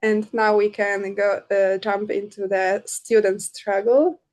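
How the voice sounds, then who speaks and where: A woman's voice: mid-range voice, steady tone, takes it slowly, darkish tone. Young woman presenting a student project. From Poland. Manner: reads a prepared script with fillers. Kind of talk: prepared presentation. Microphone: video call.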